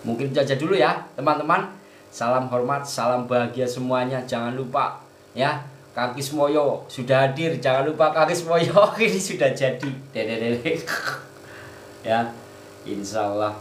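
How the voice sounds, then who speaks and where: A man's voice: mid-range voice, normal speed. A man hosting a casual live chat, thanking viewers and reciting prayers in a rhythmic, devout way. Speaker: channel host reading viewer comments. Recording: roomy echo, faint background noise.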